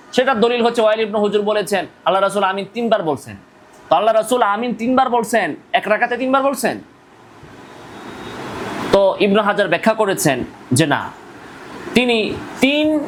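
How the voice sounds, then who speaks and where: A male Islamic scholar from Bangladesh delivers a combative religious lecture in a notably high voice. He hammers his points with rhetorical questions and repeats phrases for emphasis. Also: slight background noise, rough recording.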